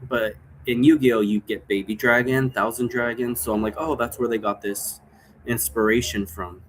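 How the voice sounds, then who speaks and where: A game creator with a medium-pitched voice explains role-play rules at a normal speed and with fairly even intonation. His explanation is rambling and informal, as he thinks aloud and drifts between points, with noticeable background noise in the recording.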